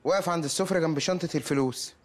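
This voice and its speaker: An actor with an Egyptian Arabic accent playing a broke, hungry brother who whines and pleads for food in a TV comedy series. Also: male voice, fairly high pitch, racing, lightly acted. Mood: whiny. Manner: whiny, pleading, self-pitying.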